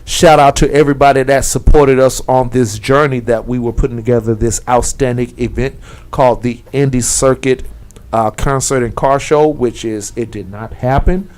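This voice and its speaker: A man's voice: medium pitch, fairly even intonation, moderate pace. A man hosting an internet radio talk show, speaking earnestly and from the heart. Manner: earnest, heartfelt shout-outs.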